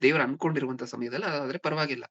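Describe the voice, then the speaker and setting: A man's voice: mid-range voice, rapid-fire, pushed and bright. A man preaching a sermon, often checking in with his listeners with rhetorical questions. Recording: dull lo-fi recording.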